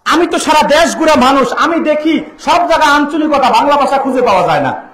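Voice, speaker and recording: A very high-pitched male preacher gives a fiery sermon, firing questions at the crowd and breaking into shouts and chanted verses. His voice rings through an echoey amplified venue. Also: expressive, brisk. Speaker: Islamic preacher. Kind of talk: impassioned sermon to a large gathering.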